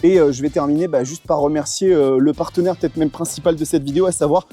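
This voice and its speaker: Young male moto vlogger, higher pitch, mellow tone, relaxed rambling delivery with soft music behind. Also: quick pace. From Portugal. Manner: chatty, lots of fillers and thanks to sponsors. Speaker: motorcycle vlogger. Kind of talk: casual moto vlog.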